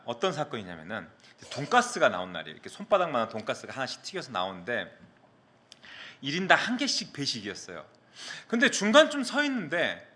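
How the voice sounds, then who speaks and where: A male pastor from the Mokpo area tells a personal story in his sermon. His voice sits a little high for a man and sounds bright and forward. He is very animated and swings widely in pitch as he acts out the story. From South Korea, Mokpo area.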